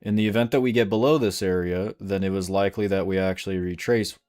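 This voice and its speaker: Low-voiced man explaining trading charts. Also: fairly even intonation, fast talker, a little mellow. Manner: casual, explanatory, repeats points, reads chat questions. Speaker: day trader streaming live. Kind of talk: live trading stream, explaining charts and answering chat.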